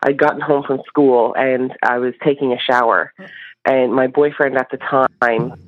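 A woman from Newfoundland tells a personal story as a caller. Her voice is low and her delivery is informal. The recorded call sounds dull and lo-fi. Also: fairly even intonation, unhurried. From Newfoundland, Canada. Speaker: listener calling in with a story.

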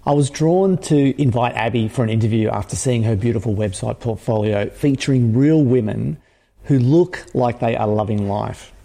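A man hosting an interview, reading a measured introduction and asking questions in an earnest way. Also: medium pitch, vocal fry, warm tone, big-room sound. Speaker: podcast host.

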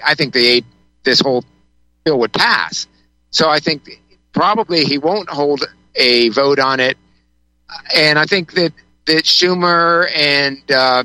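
A man's voice: a little high, pushed and bright, no room sound, low-quality recording. A man giving political commentary as a guest on a talk show, rambling with frequent restarts and fillers.

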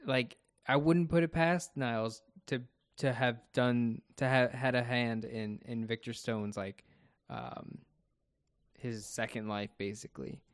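A man's voice: mid-range voice, steady tone, a little slow, no room sound, studio quality. A man co-hosting a casual podcast, talking through his thoughts about a TV episode one step at a time. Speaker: podcast co-host.

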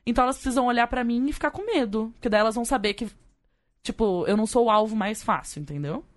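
Woman cohost chatting fast, lots of laughs, fairly high voice. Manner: lively, laughs often, acts out quotes. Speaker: podcast co-host. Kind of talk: casual chat.

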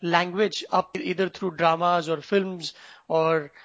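A man with an Indian accent and a high voice co-hosts a relaxed conversation. He recounts news and gives his opinions informally. The recording is dry, with no room sound. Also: slow pace, no room sound, highs cut off. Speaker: podcast co-host.

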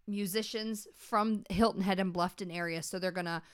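A woman's voice: medium pitch, steady tone, normal speed, clear, resonant tone. A woman with a Southern accent co-hosting a podcast, chatting eagerly about local events. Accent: Southern American. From South Carolina Lowcountry. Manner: chatty and enthusiastic, with Southern turns of phrase. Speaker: podcast co-host. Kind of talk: casual chat.

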